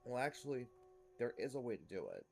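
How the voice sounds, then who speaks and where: A man's voice: mid-range voice, sing-song, brisk, over music. A man hosting a gameplay series, explaining things to viewers in casual commentary. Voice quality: rough smoker's-type cough.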